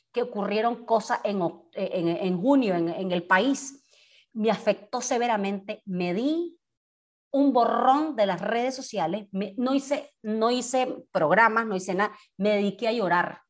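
Earnest woman sharing openly. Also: medium pitch. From Nicaragua. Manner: earnest, animated storytelling with self-talk asides. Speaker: guest, communicator and singer-songwriter. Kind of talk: candid personal interview.

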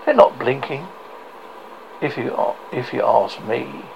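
Creaky, animated storyteller, halting delivery. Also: mid-range voice, muffled recording, slight background noise. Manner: halting, often stumbles and repeats words. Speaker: storyteller reading a short story aloud. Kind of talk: scripted story narration.

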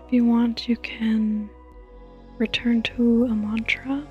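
A woman guides a sleep meditation in the soothing manner of a bedtime narrator. Her breathy, whispery voice is mellow and sits slightly high for a woman. She speaks very slowly, leaving gentle pauses over the sound of rain. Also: flat delivery, muffled recording. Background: rain sounds and faint music.

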